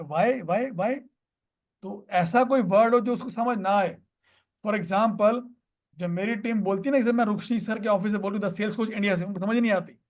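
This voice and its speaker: A man working as a coach, walking through sales-call steps in an instructive manner, mixing Hindi and English phrases. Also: sits high. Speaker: payment recovery coach. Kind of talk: coaching lesson on sales calls.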